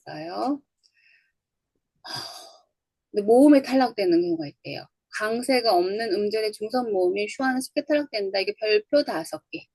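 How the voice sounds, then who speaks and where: Gravelly teacher woman, dry close sound. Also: mid-range voice, expressive, fast talker, few pauses, darkish tone, dry recording, rough recording. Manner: explains step by step, repeats words for drilling. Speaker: English teacher. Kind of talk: online lecture on English phonology.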